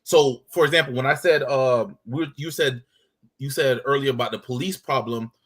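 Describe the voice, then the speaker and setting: Calling in to a casual talk show, a man from the United States with an American accent argues his point while stopping and restarting often. He speaks at normal speed in a mid-range, somewhat bright, husky voice.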